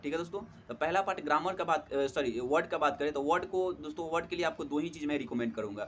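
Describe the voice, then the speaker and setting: Speaking at a quick pace in a slightly high voice, with a little hiss or hum in the audio, a young exam prep tutor gives casual study advice. He's friendly, treats listeners as friends, repeats "theek hai doston," and leans on fillers.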